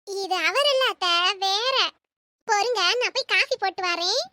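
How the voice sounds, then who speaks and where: A woman's voice: very high-pitched, sharp tone, no echo, studio quality. A woman voicing a cheeky, scheming young daughter-in-law in a cartoon, talking in a chirpy, sly way. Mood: sweet. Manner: chirpy, sly and quick-witted. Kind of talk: cartoon voice acting.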